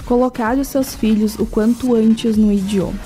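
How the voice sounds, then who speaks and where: Faint music plays behind a woman with a fairly high, dark voice who keeps a steady tone and a moderate pace. A guest from a language school, she speaks with a southern Brazilian accent during a radio interview. She explains in a didactic manner, regularly asking rhetorical questions and adding check tags.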